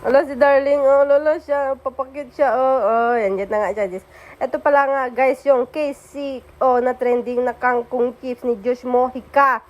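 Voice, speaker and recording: A woman's voice: high voice, fairly even intonation, normal speed, dull audio. A young adult woman chatting playfully through an unboxing and taste-test vlog, teasing her partner on camera. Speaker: vlogger.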